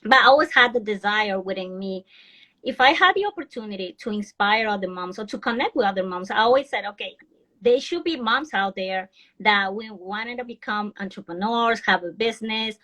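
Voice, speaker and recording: A woman's voice: mid-range voice, lively intonation, moderate pace, bright, forceful tone, low-quality recording. A woman from Ecuador, a financial advisor, speaking earnestly as a guest on a video call and often restarting her sentences. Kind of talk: casual live-stream interview.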